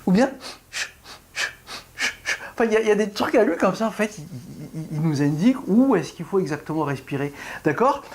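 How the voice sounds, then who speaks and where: A middle-aged ballet class pianist giving a casual video lesson, talking in a halting way with many restarts while showing rhythm and breathing. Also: mid-range voice, animated, darkish tone.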